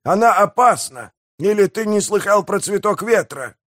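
Рычащий хвастливый пиратский мэр, которого изображает мужчина-чтец, голос заметно выше и с другим тембром. Говорит громко и напористо, как кровожадный главарь из аудиокниги. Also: male voice, high voice, expressive, normal speed, pitched above the performer's own voice. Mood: growling boastful. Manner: growling, boastful. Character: blustering bloodthirsty pirate mayor, man.

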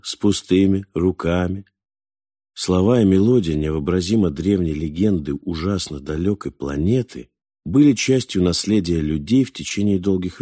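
Low dark voiced guy reading a novel, calm and steady, dry close sound. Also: husky, dry recording. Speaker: audiobook narrator. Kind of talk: scripted narration.

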